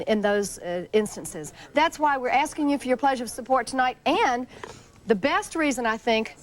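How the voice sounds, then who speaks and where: Female telethon host, high voice, persuasive and explanatory, live ad-libbed fundraising. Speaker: public television pledge drive host.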